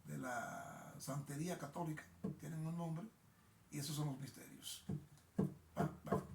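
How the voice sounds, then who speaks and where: A man's voice: a little high, steady tone, measured pace, vocal fry, a little mellow, reverberant, distant mic, soft background music. A man with a Dominican accent hosting a live online show in a casual, rambling monologue, often repeating himself and restarting sentences.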